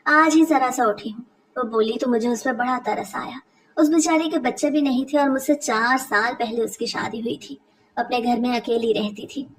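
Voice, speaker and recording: Woman telling a first-person story, steady and confiding, kinda high voice, a bit far off the mic. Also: moderate pace.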